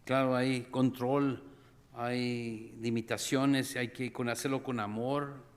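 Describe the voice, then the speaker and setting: A middle-aged man preaching a sermon as pastor, animated, acting out scenes with sudden cries and calling the congregation brothers and sisters. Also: medium pitch, slow. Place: church sanctuary. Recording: long reverb of a church hall.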